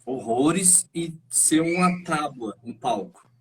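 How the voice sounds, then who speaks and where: A man who acts and teaches singing, explaining his ideas in an animated, thinking-aloud way as a guest on a live stream over a video call. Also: on the high side, slow, a little hiss or hum. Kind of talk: casual chat.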